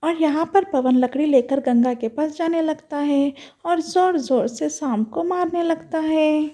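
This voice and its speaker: A woman tells a doll storybook tale in a high voice with a mellow, soft tone. She narrates dramatically and breaks in with exclaiming asides. Her delivery sounds like a storyteller reading to an audience of children. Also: measured pace.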